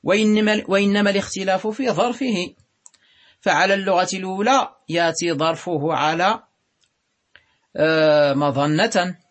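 A grammar teacher working slowly through a classical text, stretching words out and stopping to hesitate now and then. His voice sits high for a man and has a husky edge. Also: a bit bright. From Morocco. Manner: slow and deliberate, drawing out words, with pauses and hesitations. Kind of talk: reading and explaining a grammar text.

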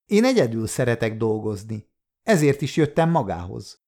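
Man voicing a small-time crook, blunt, matter-of-fact, lively intonation. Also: medium pitch. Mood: pitching. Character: cagey small-time male thief.

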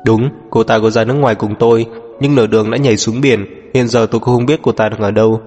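A man's voice: mid-range voice, steady tone, quick pace, darkish tone, natural voice. A cold, domineering young male CEO voiced by a male reader, with curt, clipped speech in a plain mid-range voice. A lingering reverb and faint background music surround it in this audio storybook.

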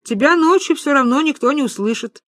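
A woman voicing a gloomy old woman with a calm, menacing manner, reading a story aloud. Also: sits high, a little fast, no room sound, studio quality, voice pushed up. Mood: grim. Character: grim, sardonic old woman.

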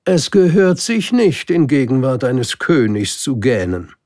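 A man voicing a pompous old king in a storybook, giving loud commands. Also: medium pitch, very animated, measured pace, no echo, studio quality, pitched above the performer's own voice. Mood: commanding. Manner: commanding, declaiming orders. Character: pompous old king, bossy but kindly.

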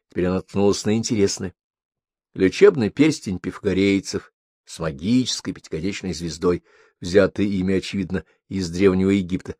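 A male audiobook narrator reads a novel in a steady, measured manner. His voice is on the low side. The recording is dry and close, with no room sound. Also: no room sound. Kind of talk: scripted narration.

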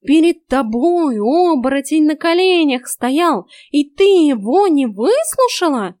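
A woman voicing a cheeky, sly male house cat in an audiobook, with a slow, smug, teasing delivery. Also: sits high, big pitch swings, a little mellow, no room sound, clean studio sound, voice pushed up, full character voice. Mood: insistent.

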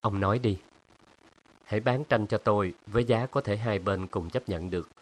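A suave older collector who speaks calmly and with quiet authority, read by a male narrator. His voice stays lowish and even. It is a storybook reading. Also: natural voice. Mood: assured. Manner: smooth, assured and unhurried.

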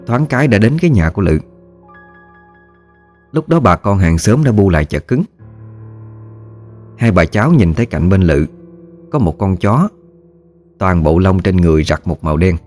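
Low-voiced Southern Vietnamese storyteller. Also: male voice, darkish tone. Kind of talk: ghost story narration.

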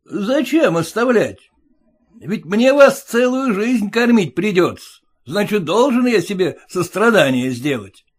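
A man's voice: high voice, very animated, moderate pace, voice pushed up. A man voicing a sarcastic, quarrelsome young groom who mocks his new in-laws in a jeering, indignant way. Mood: resentful.

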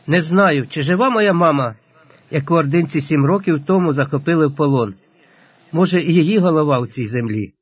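A man voicing a penitent young male janissary captive, earnest and pleading, read in a husky voice on a lo-fi recording. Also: mid-range voice, lively intonation, normal speed, long pauses, no room sound. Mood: grieving. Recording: lo-fi dull audio.

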